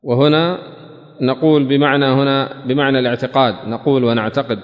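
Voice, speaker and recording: A male religious teacher giving a question-and-answer lesson, asking each question twice before answering it in a measured, deliberate way. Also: mid-range voice, fairly even intonation. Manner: asks questions twice, then answers them. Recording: reverberant hall, dull lo-fi sound.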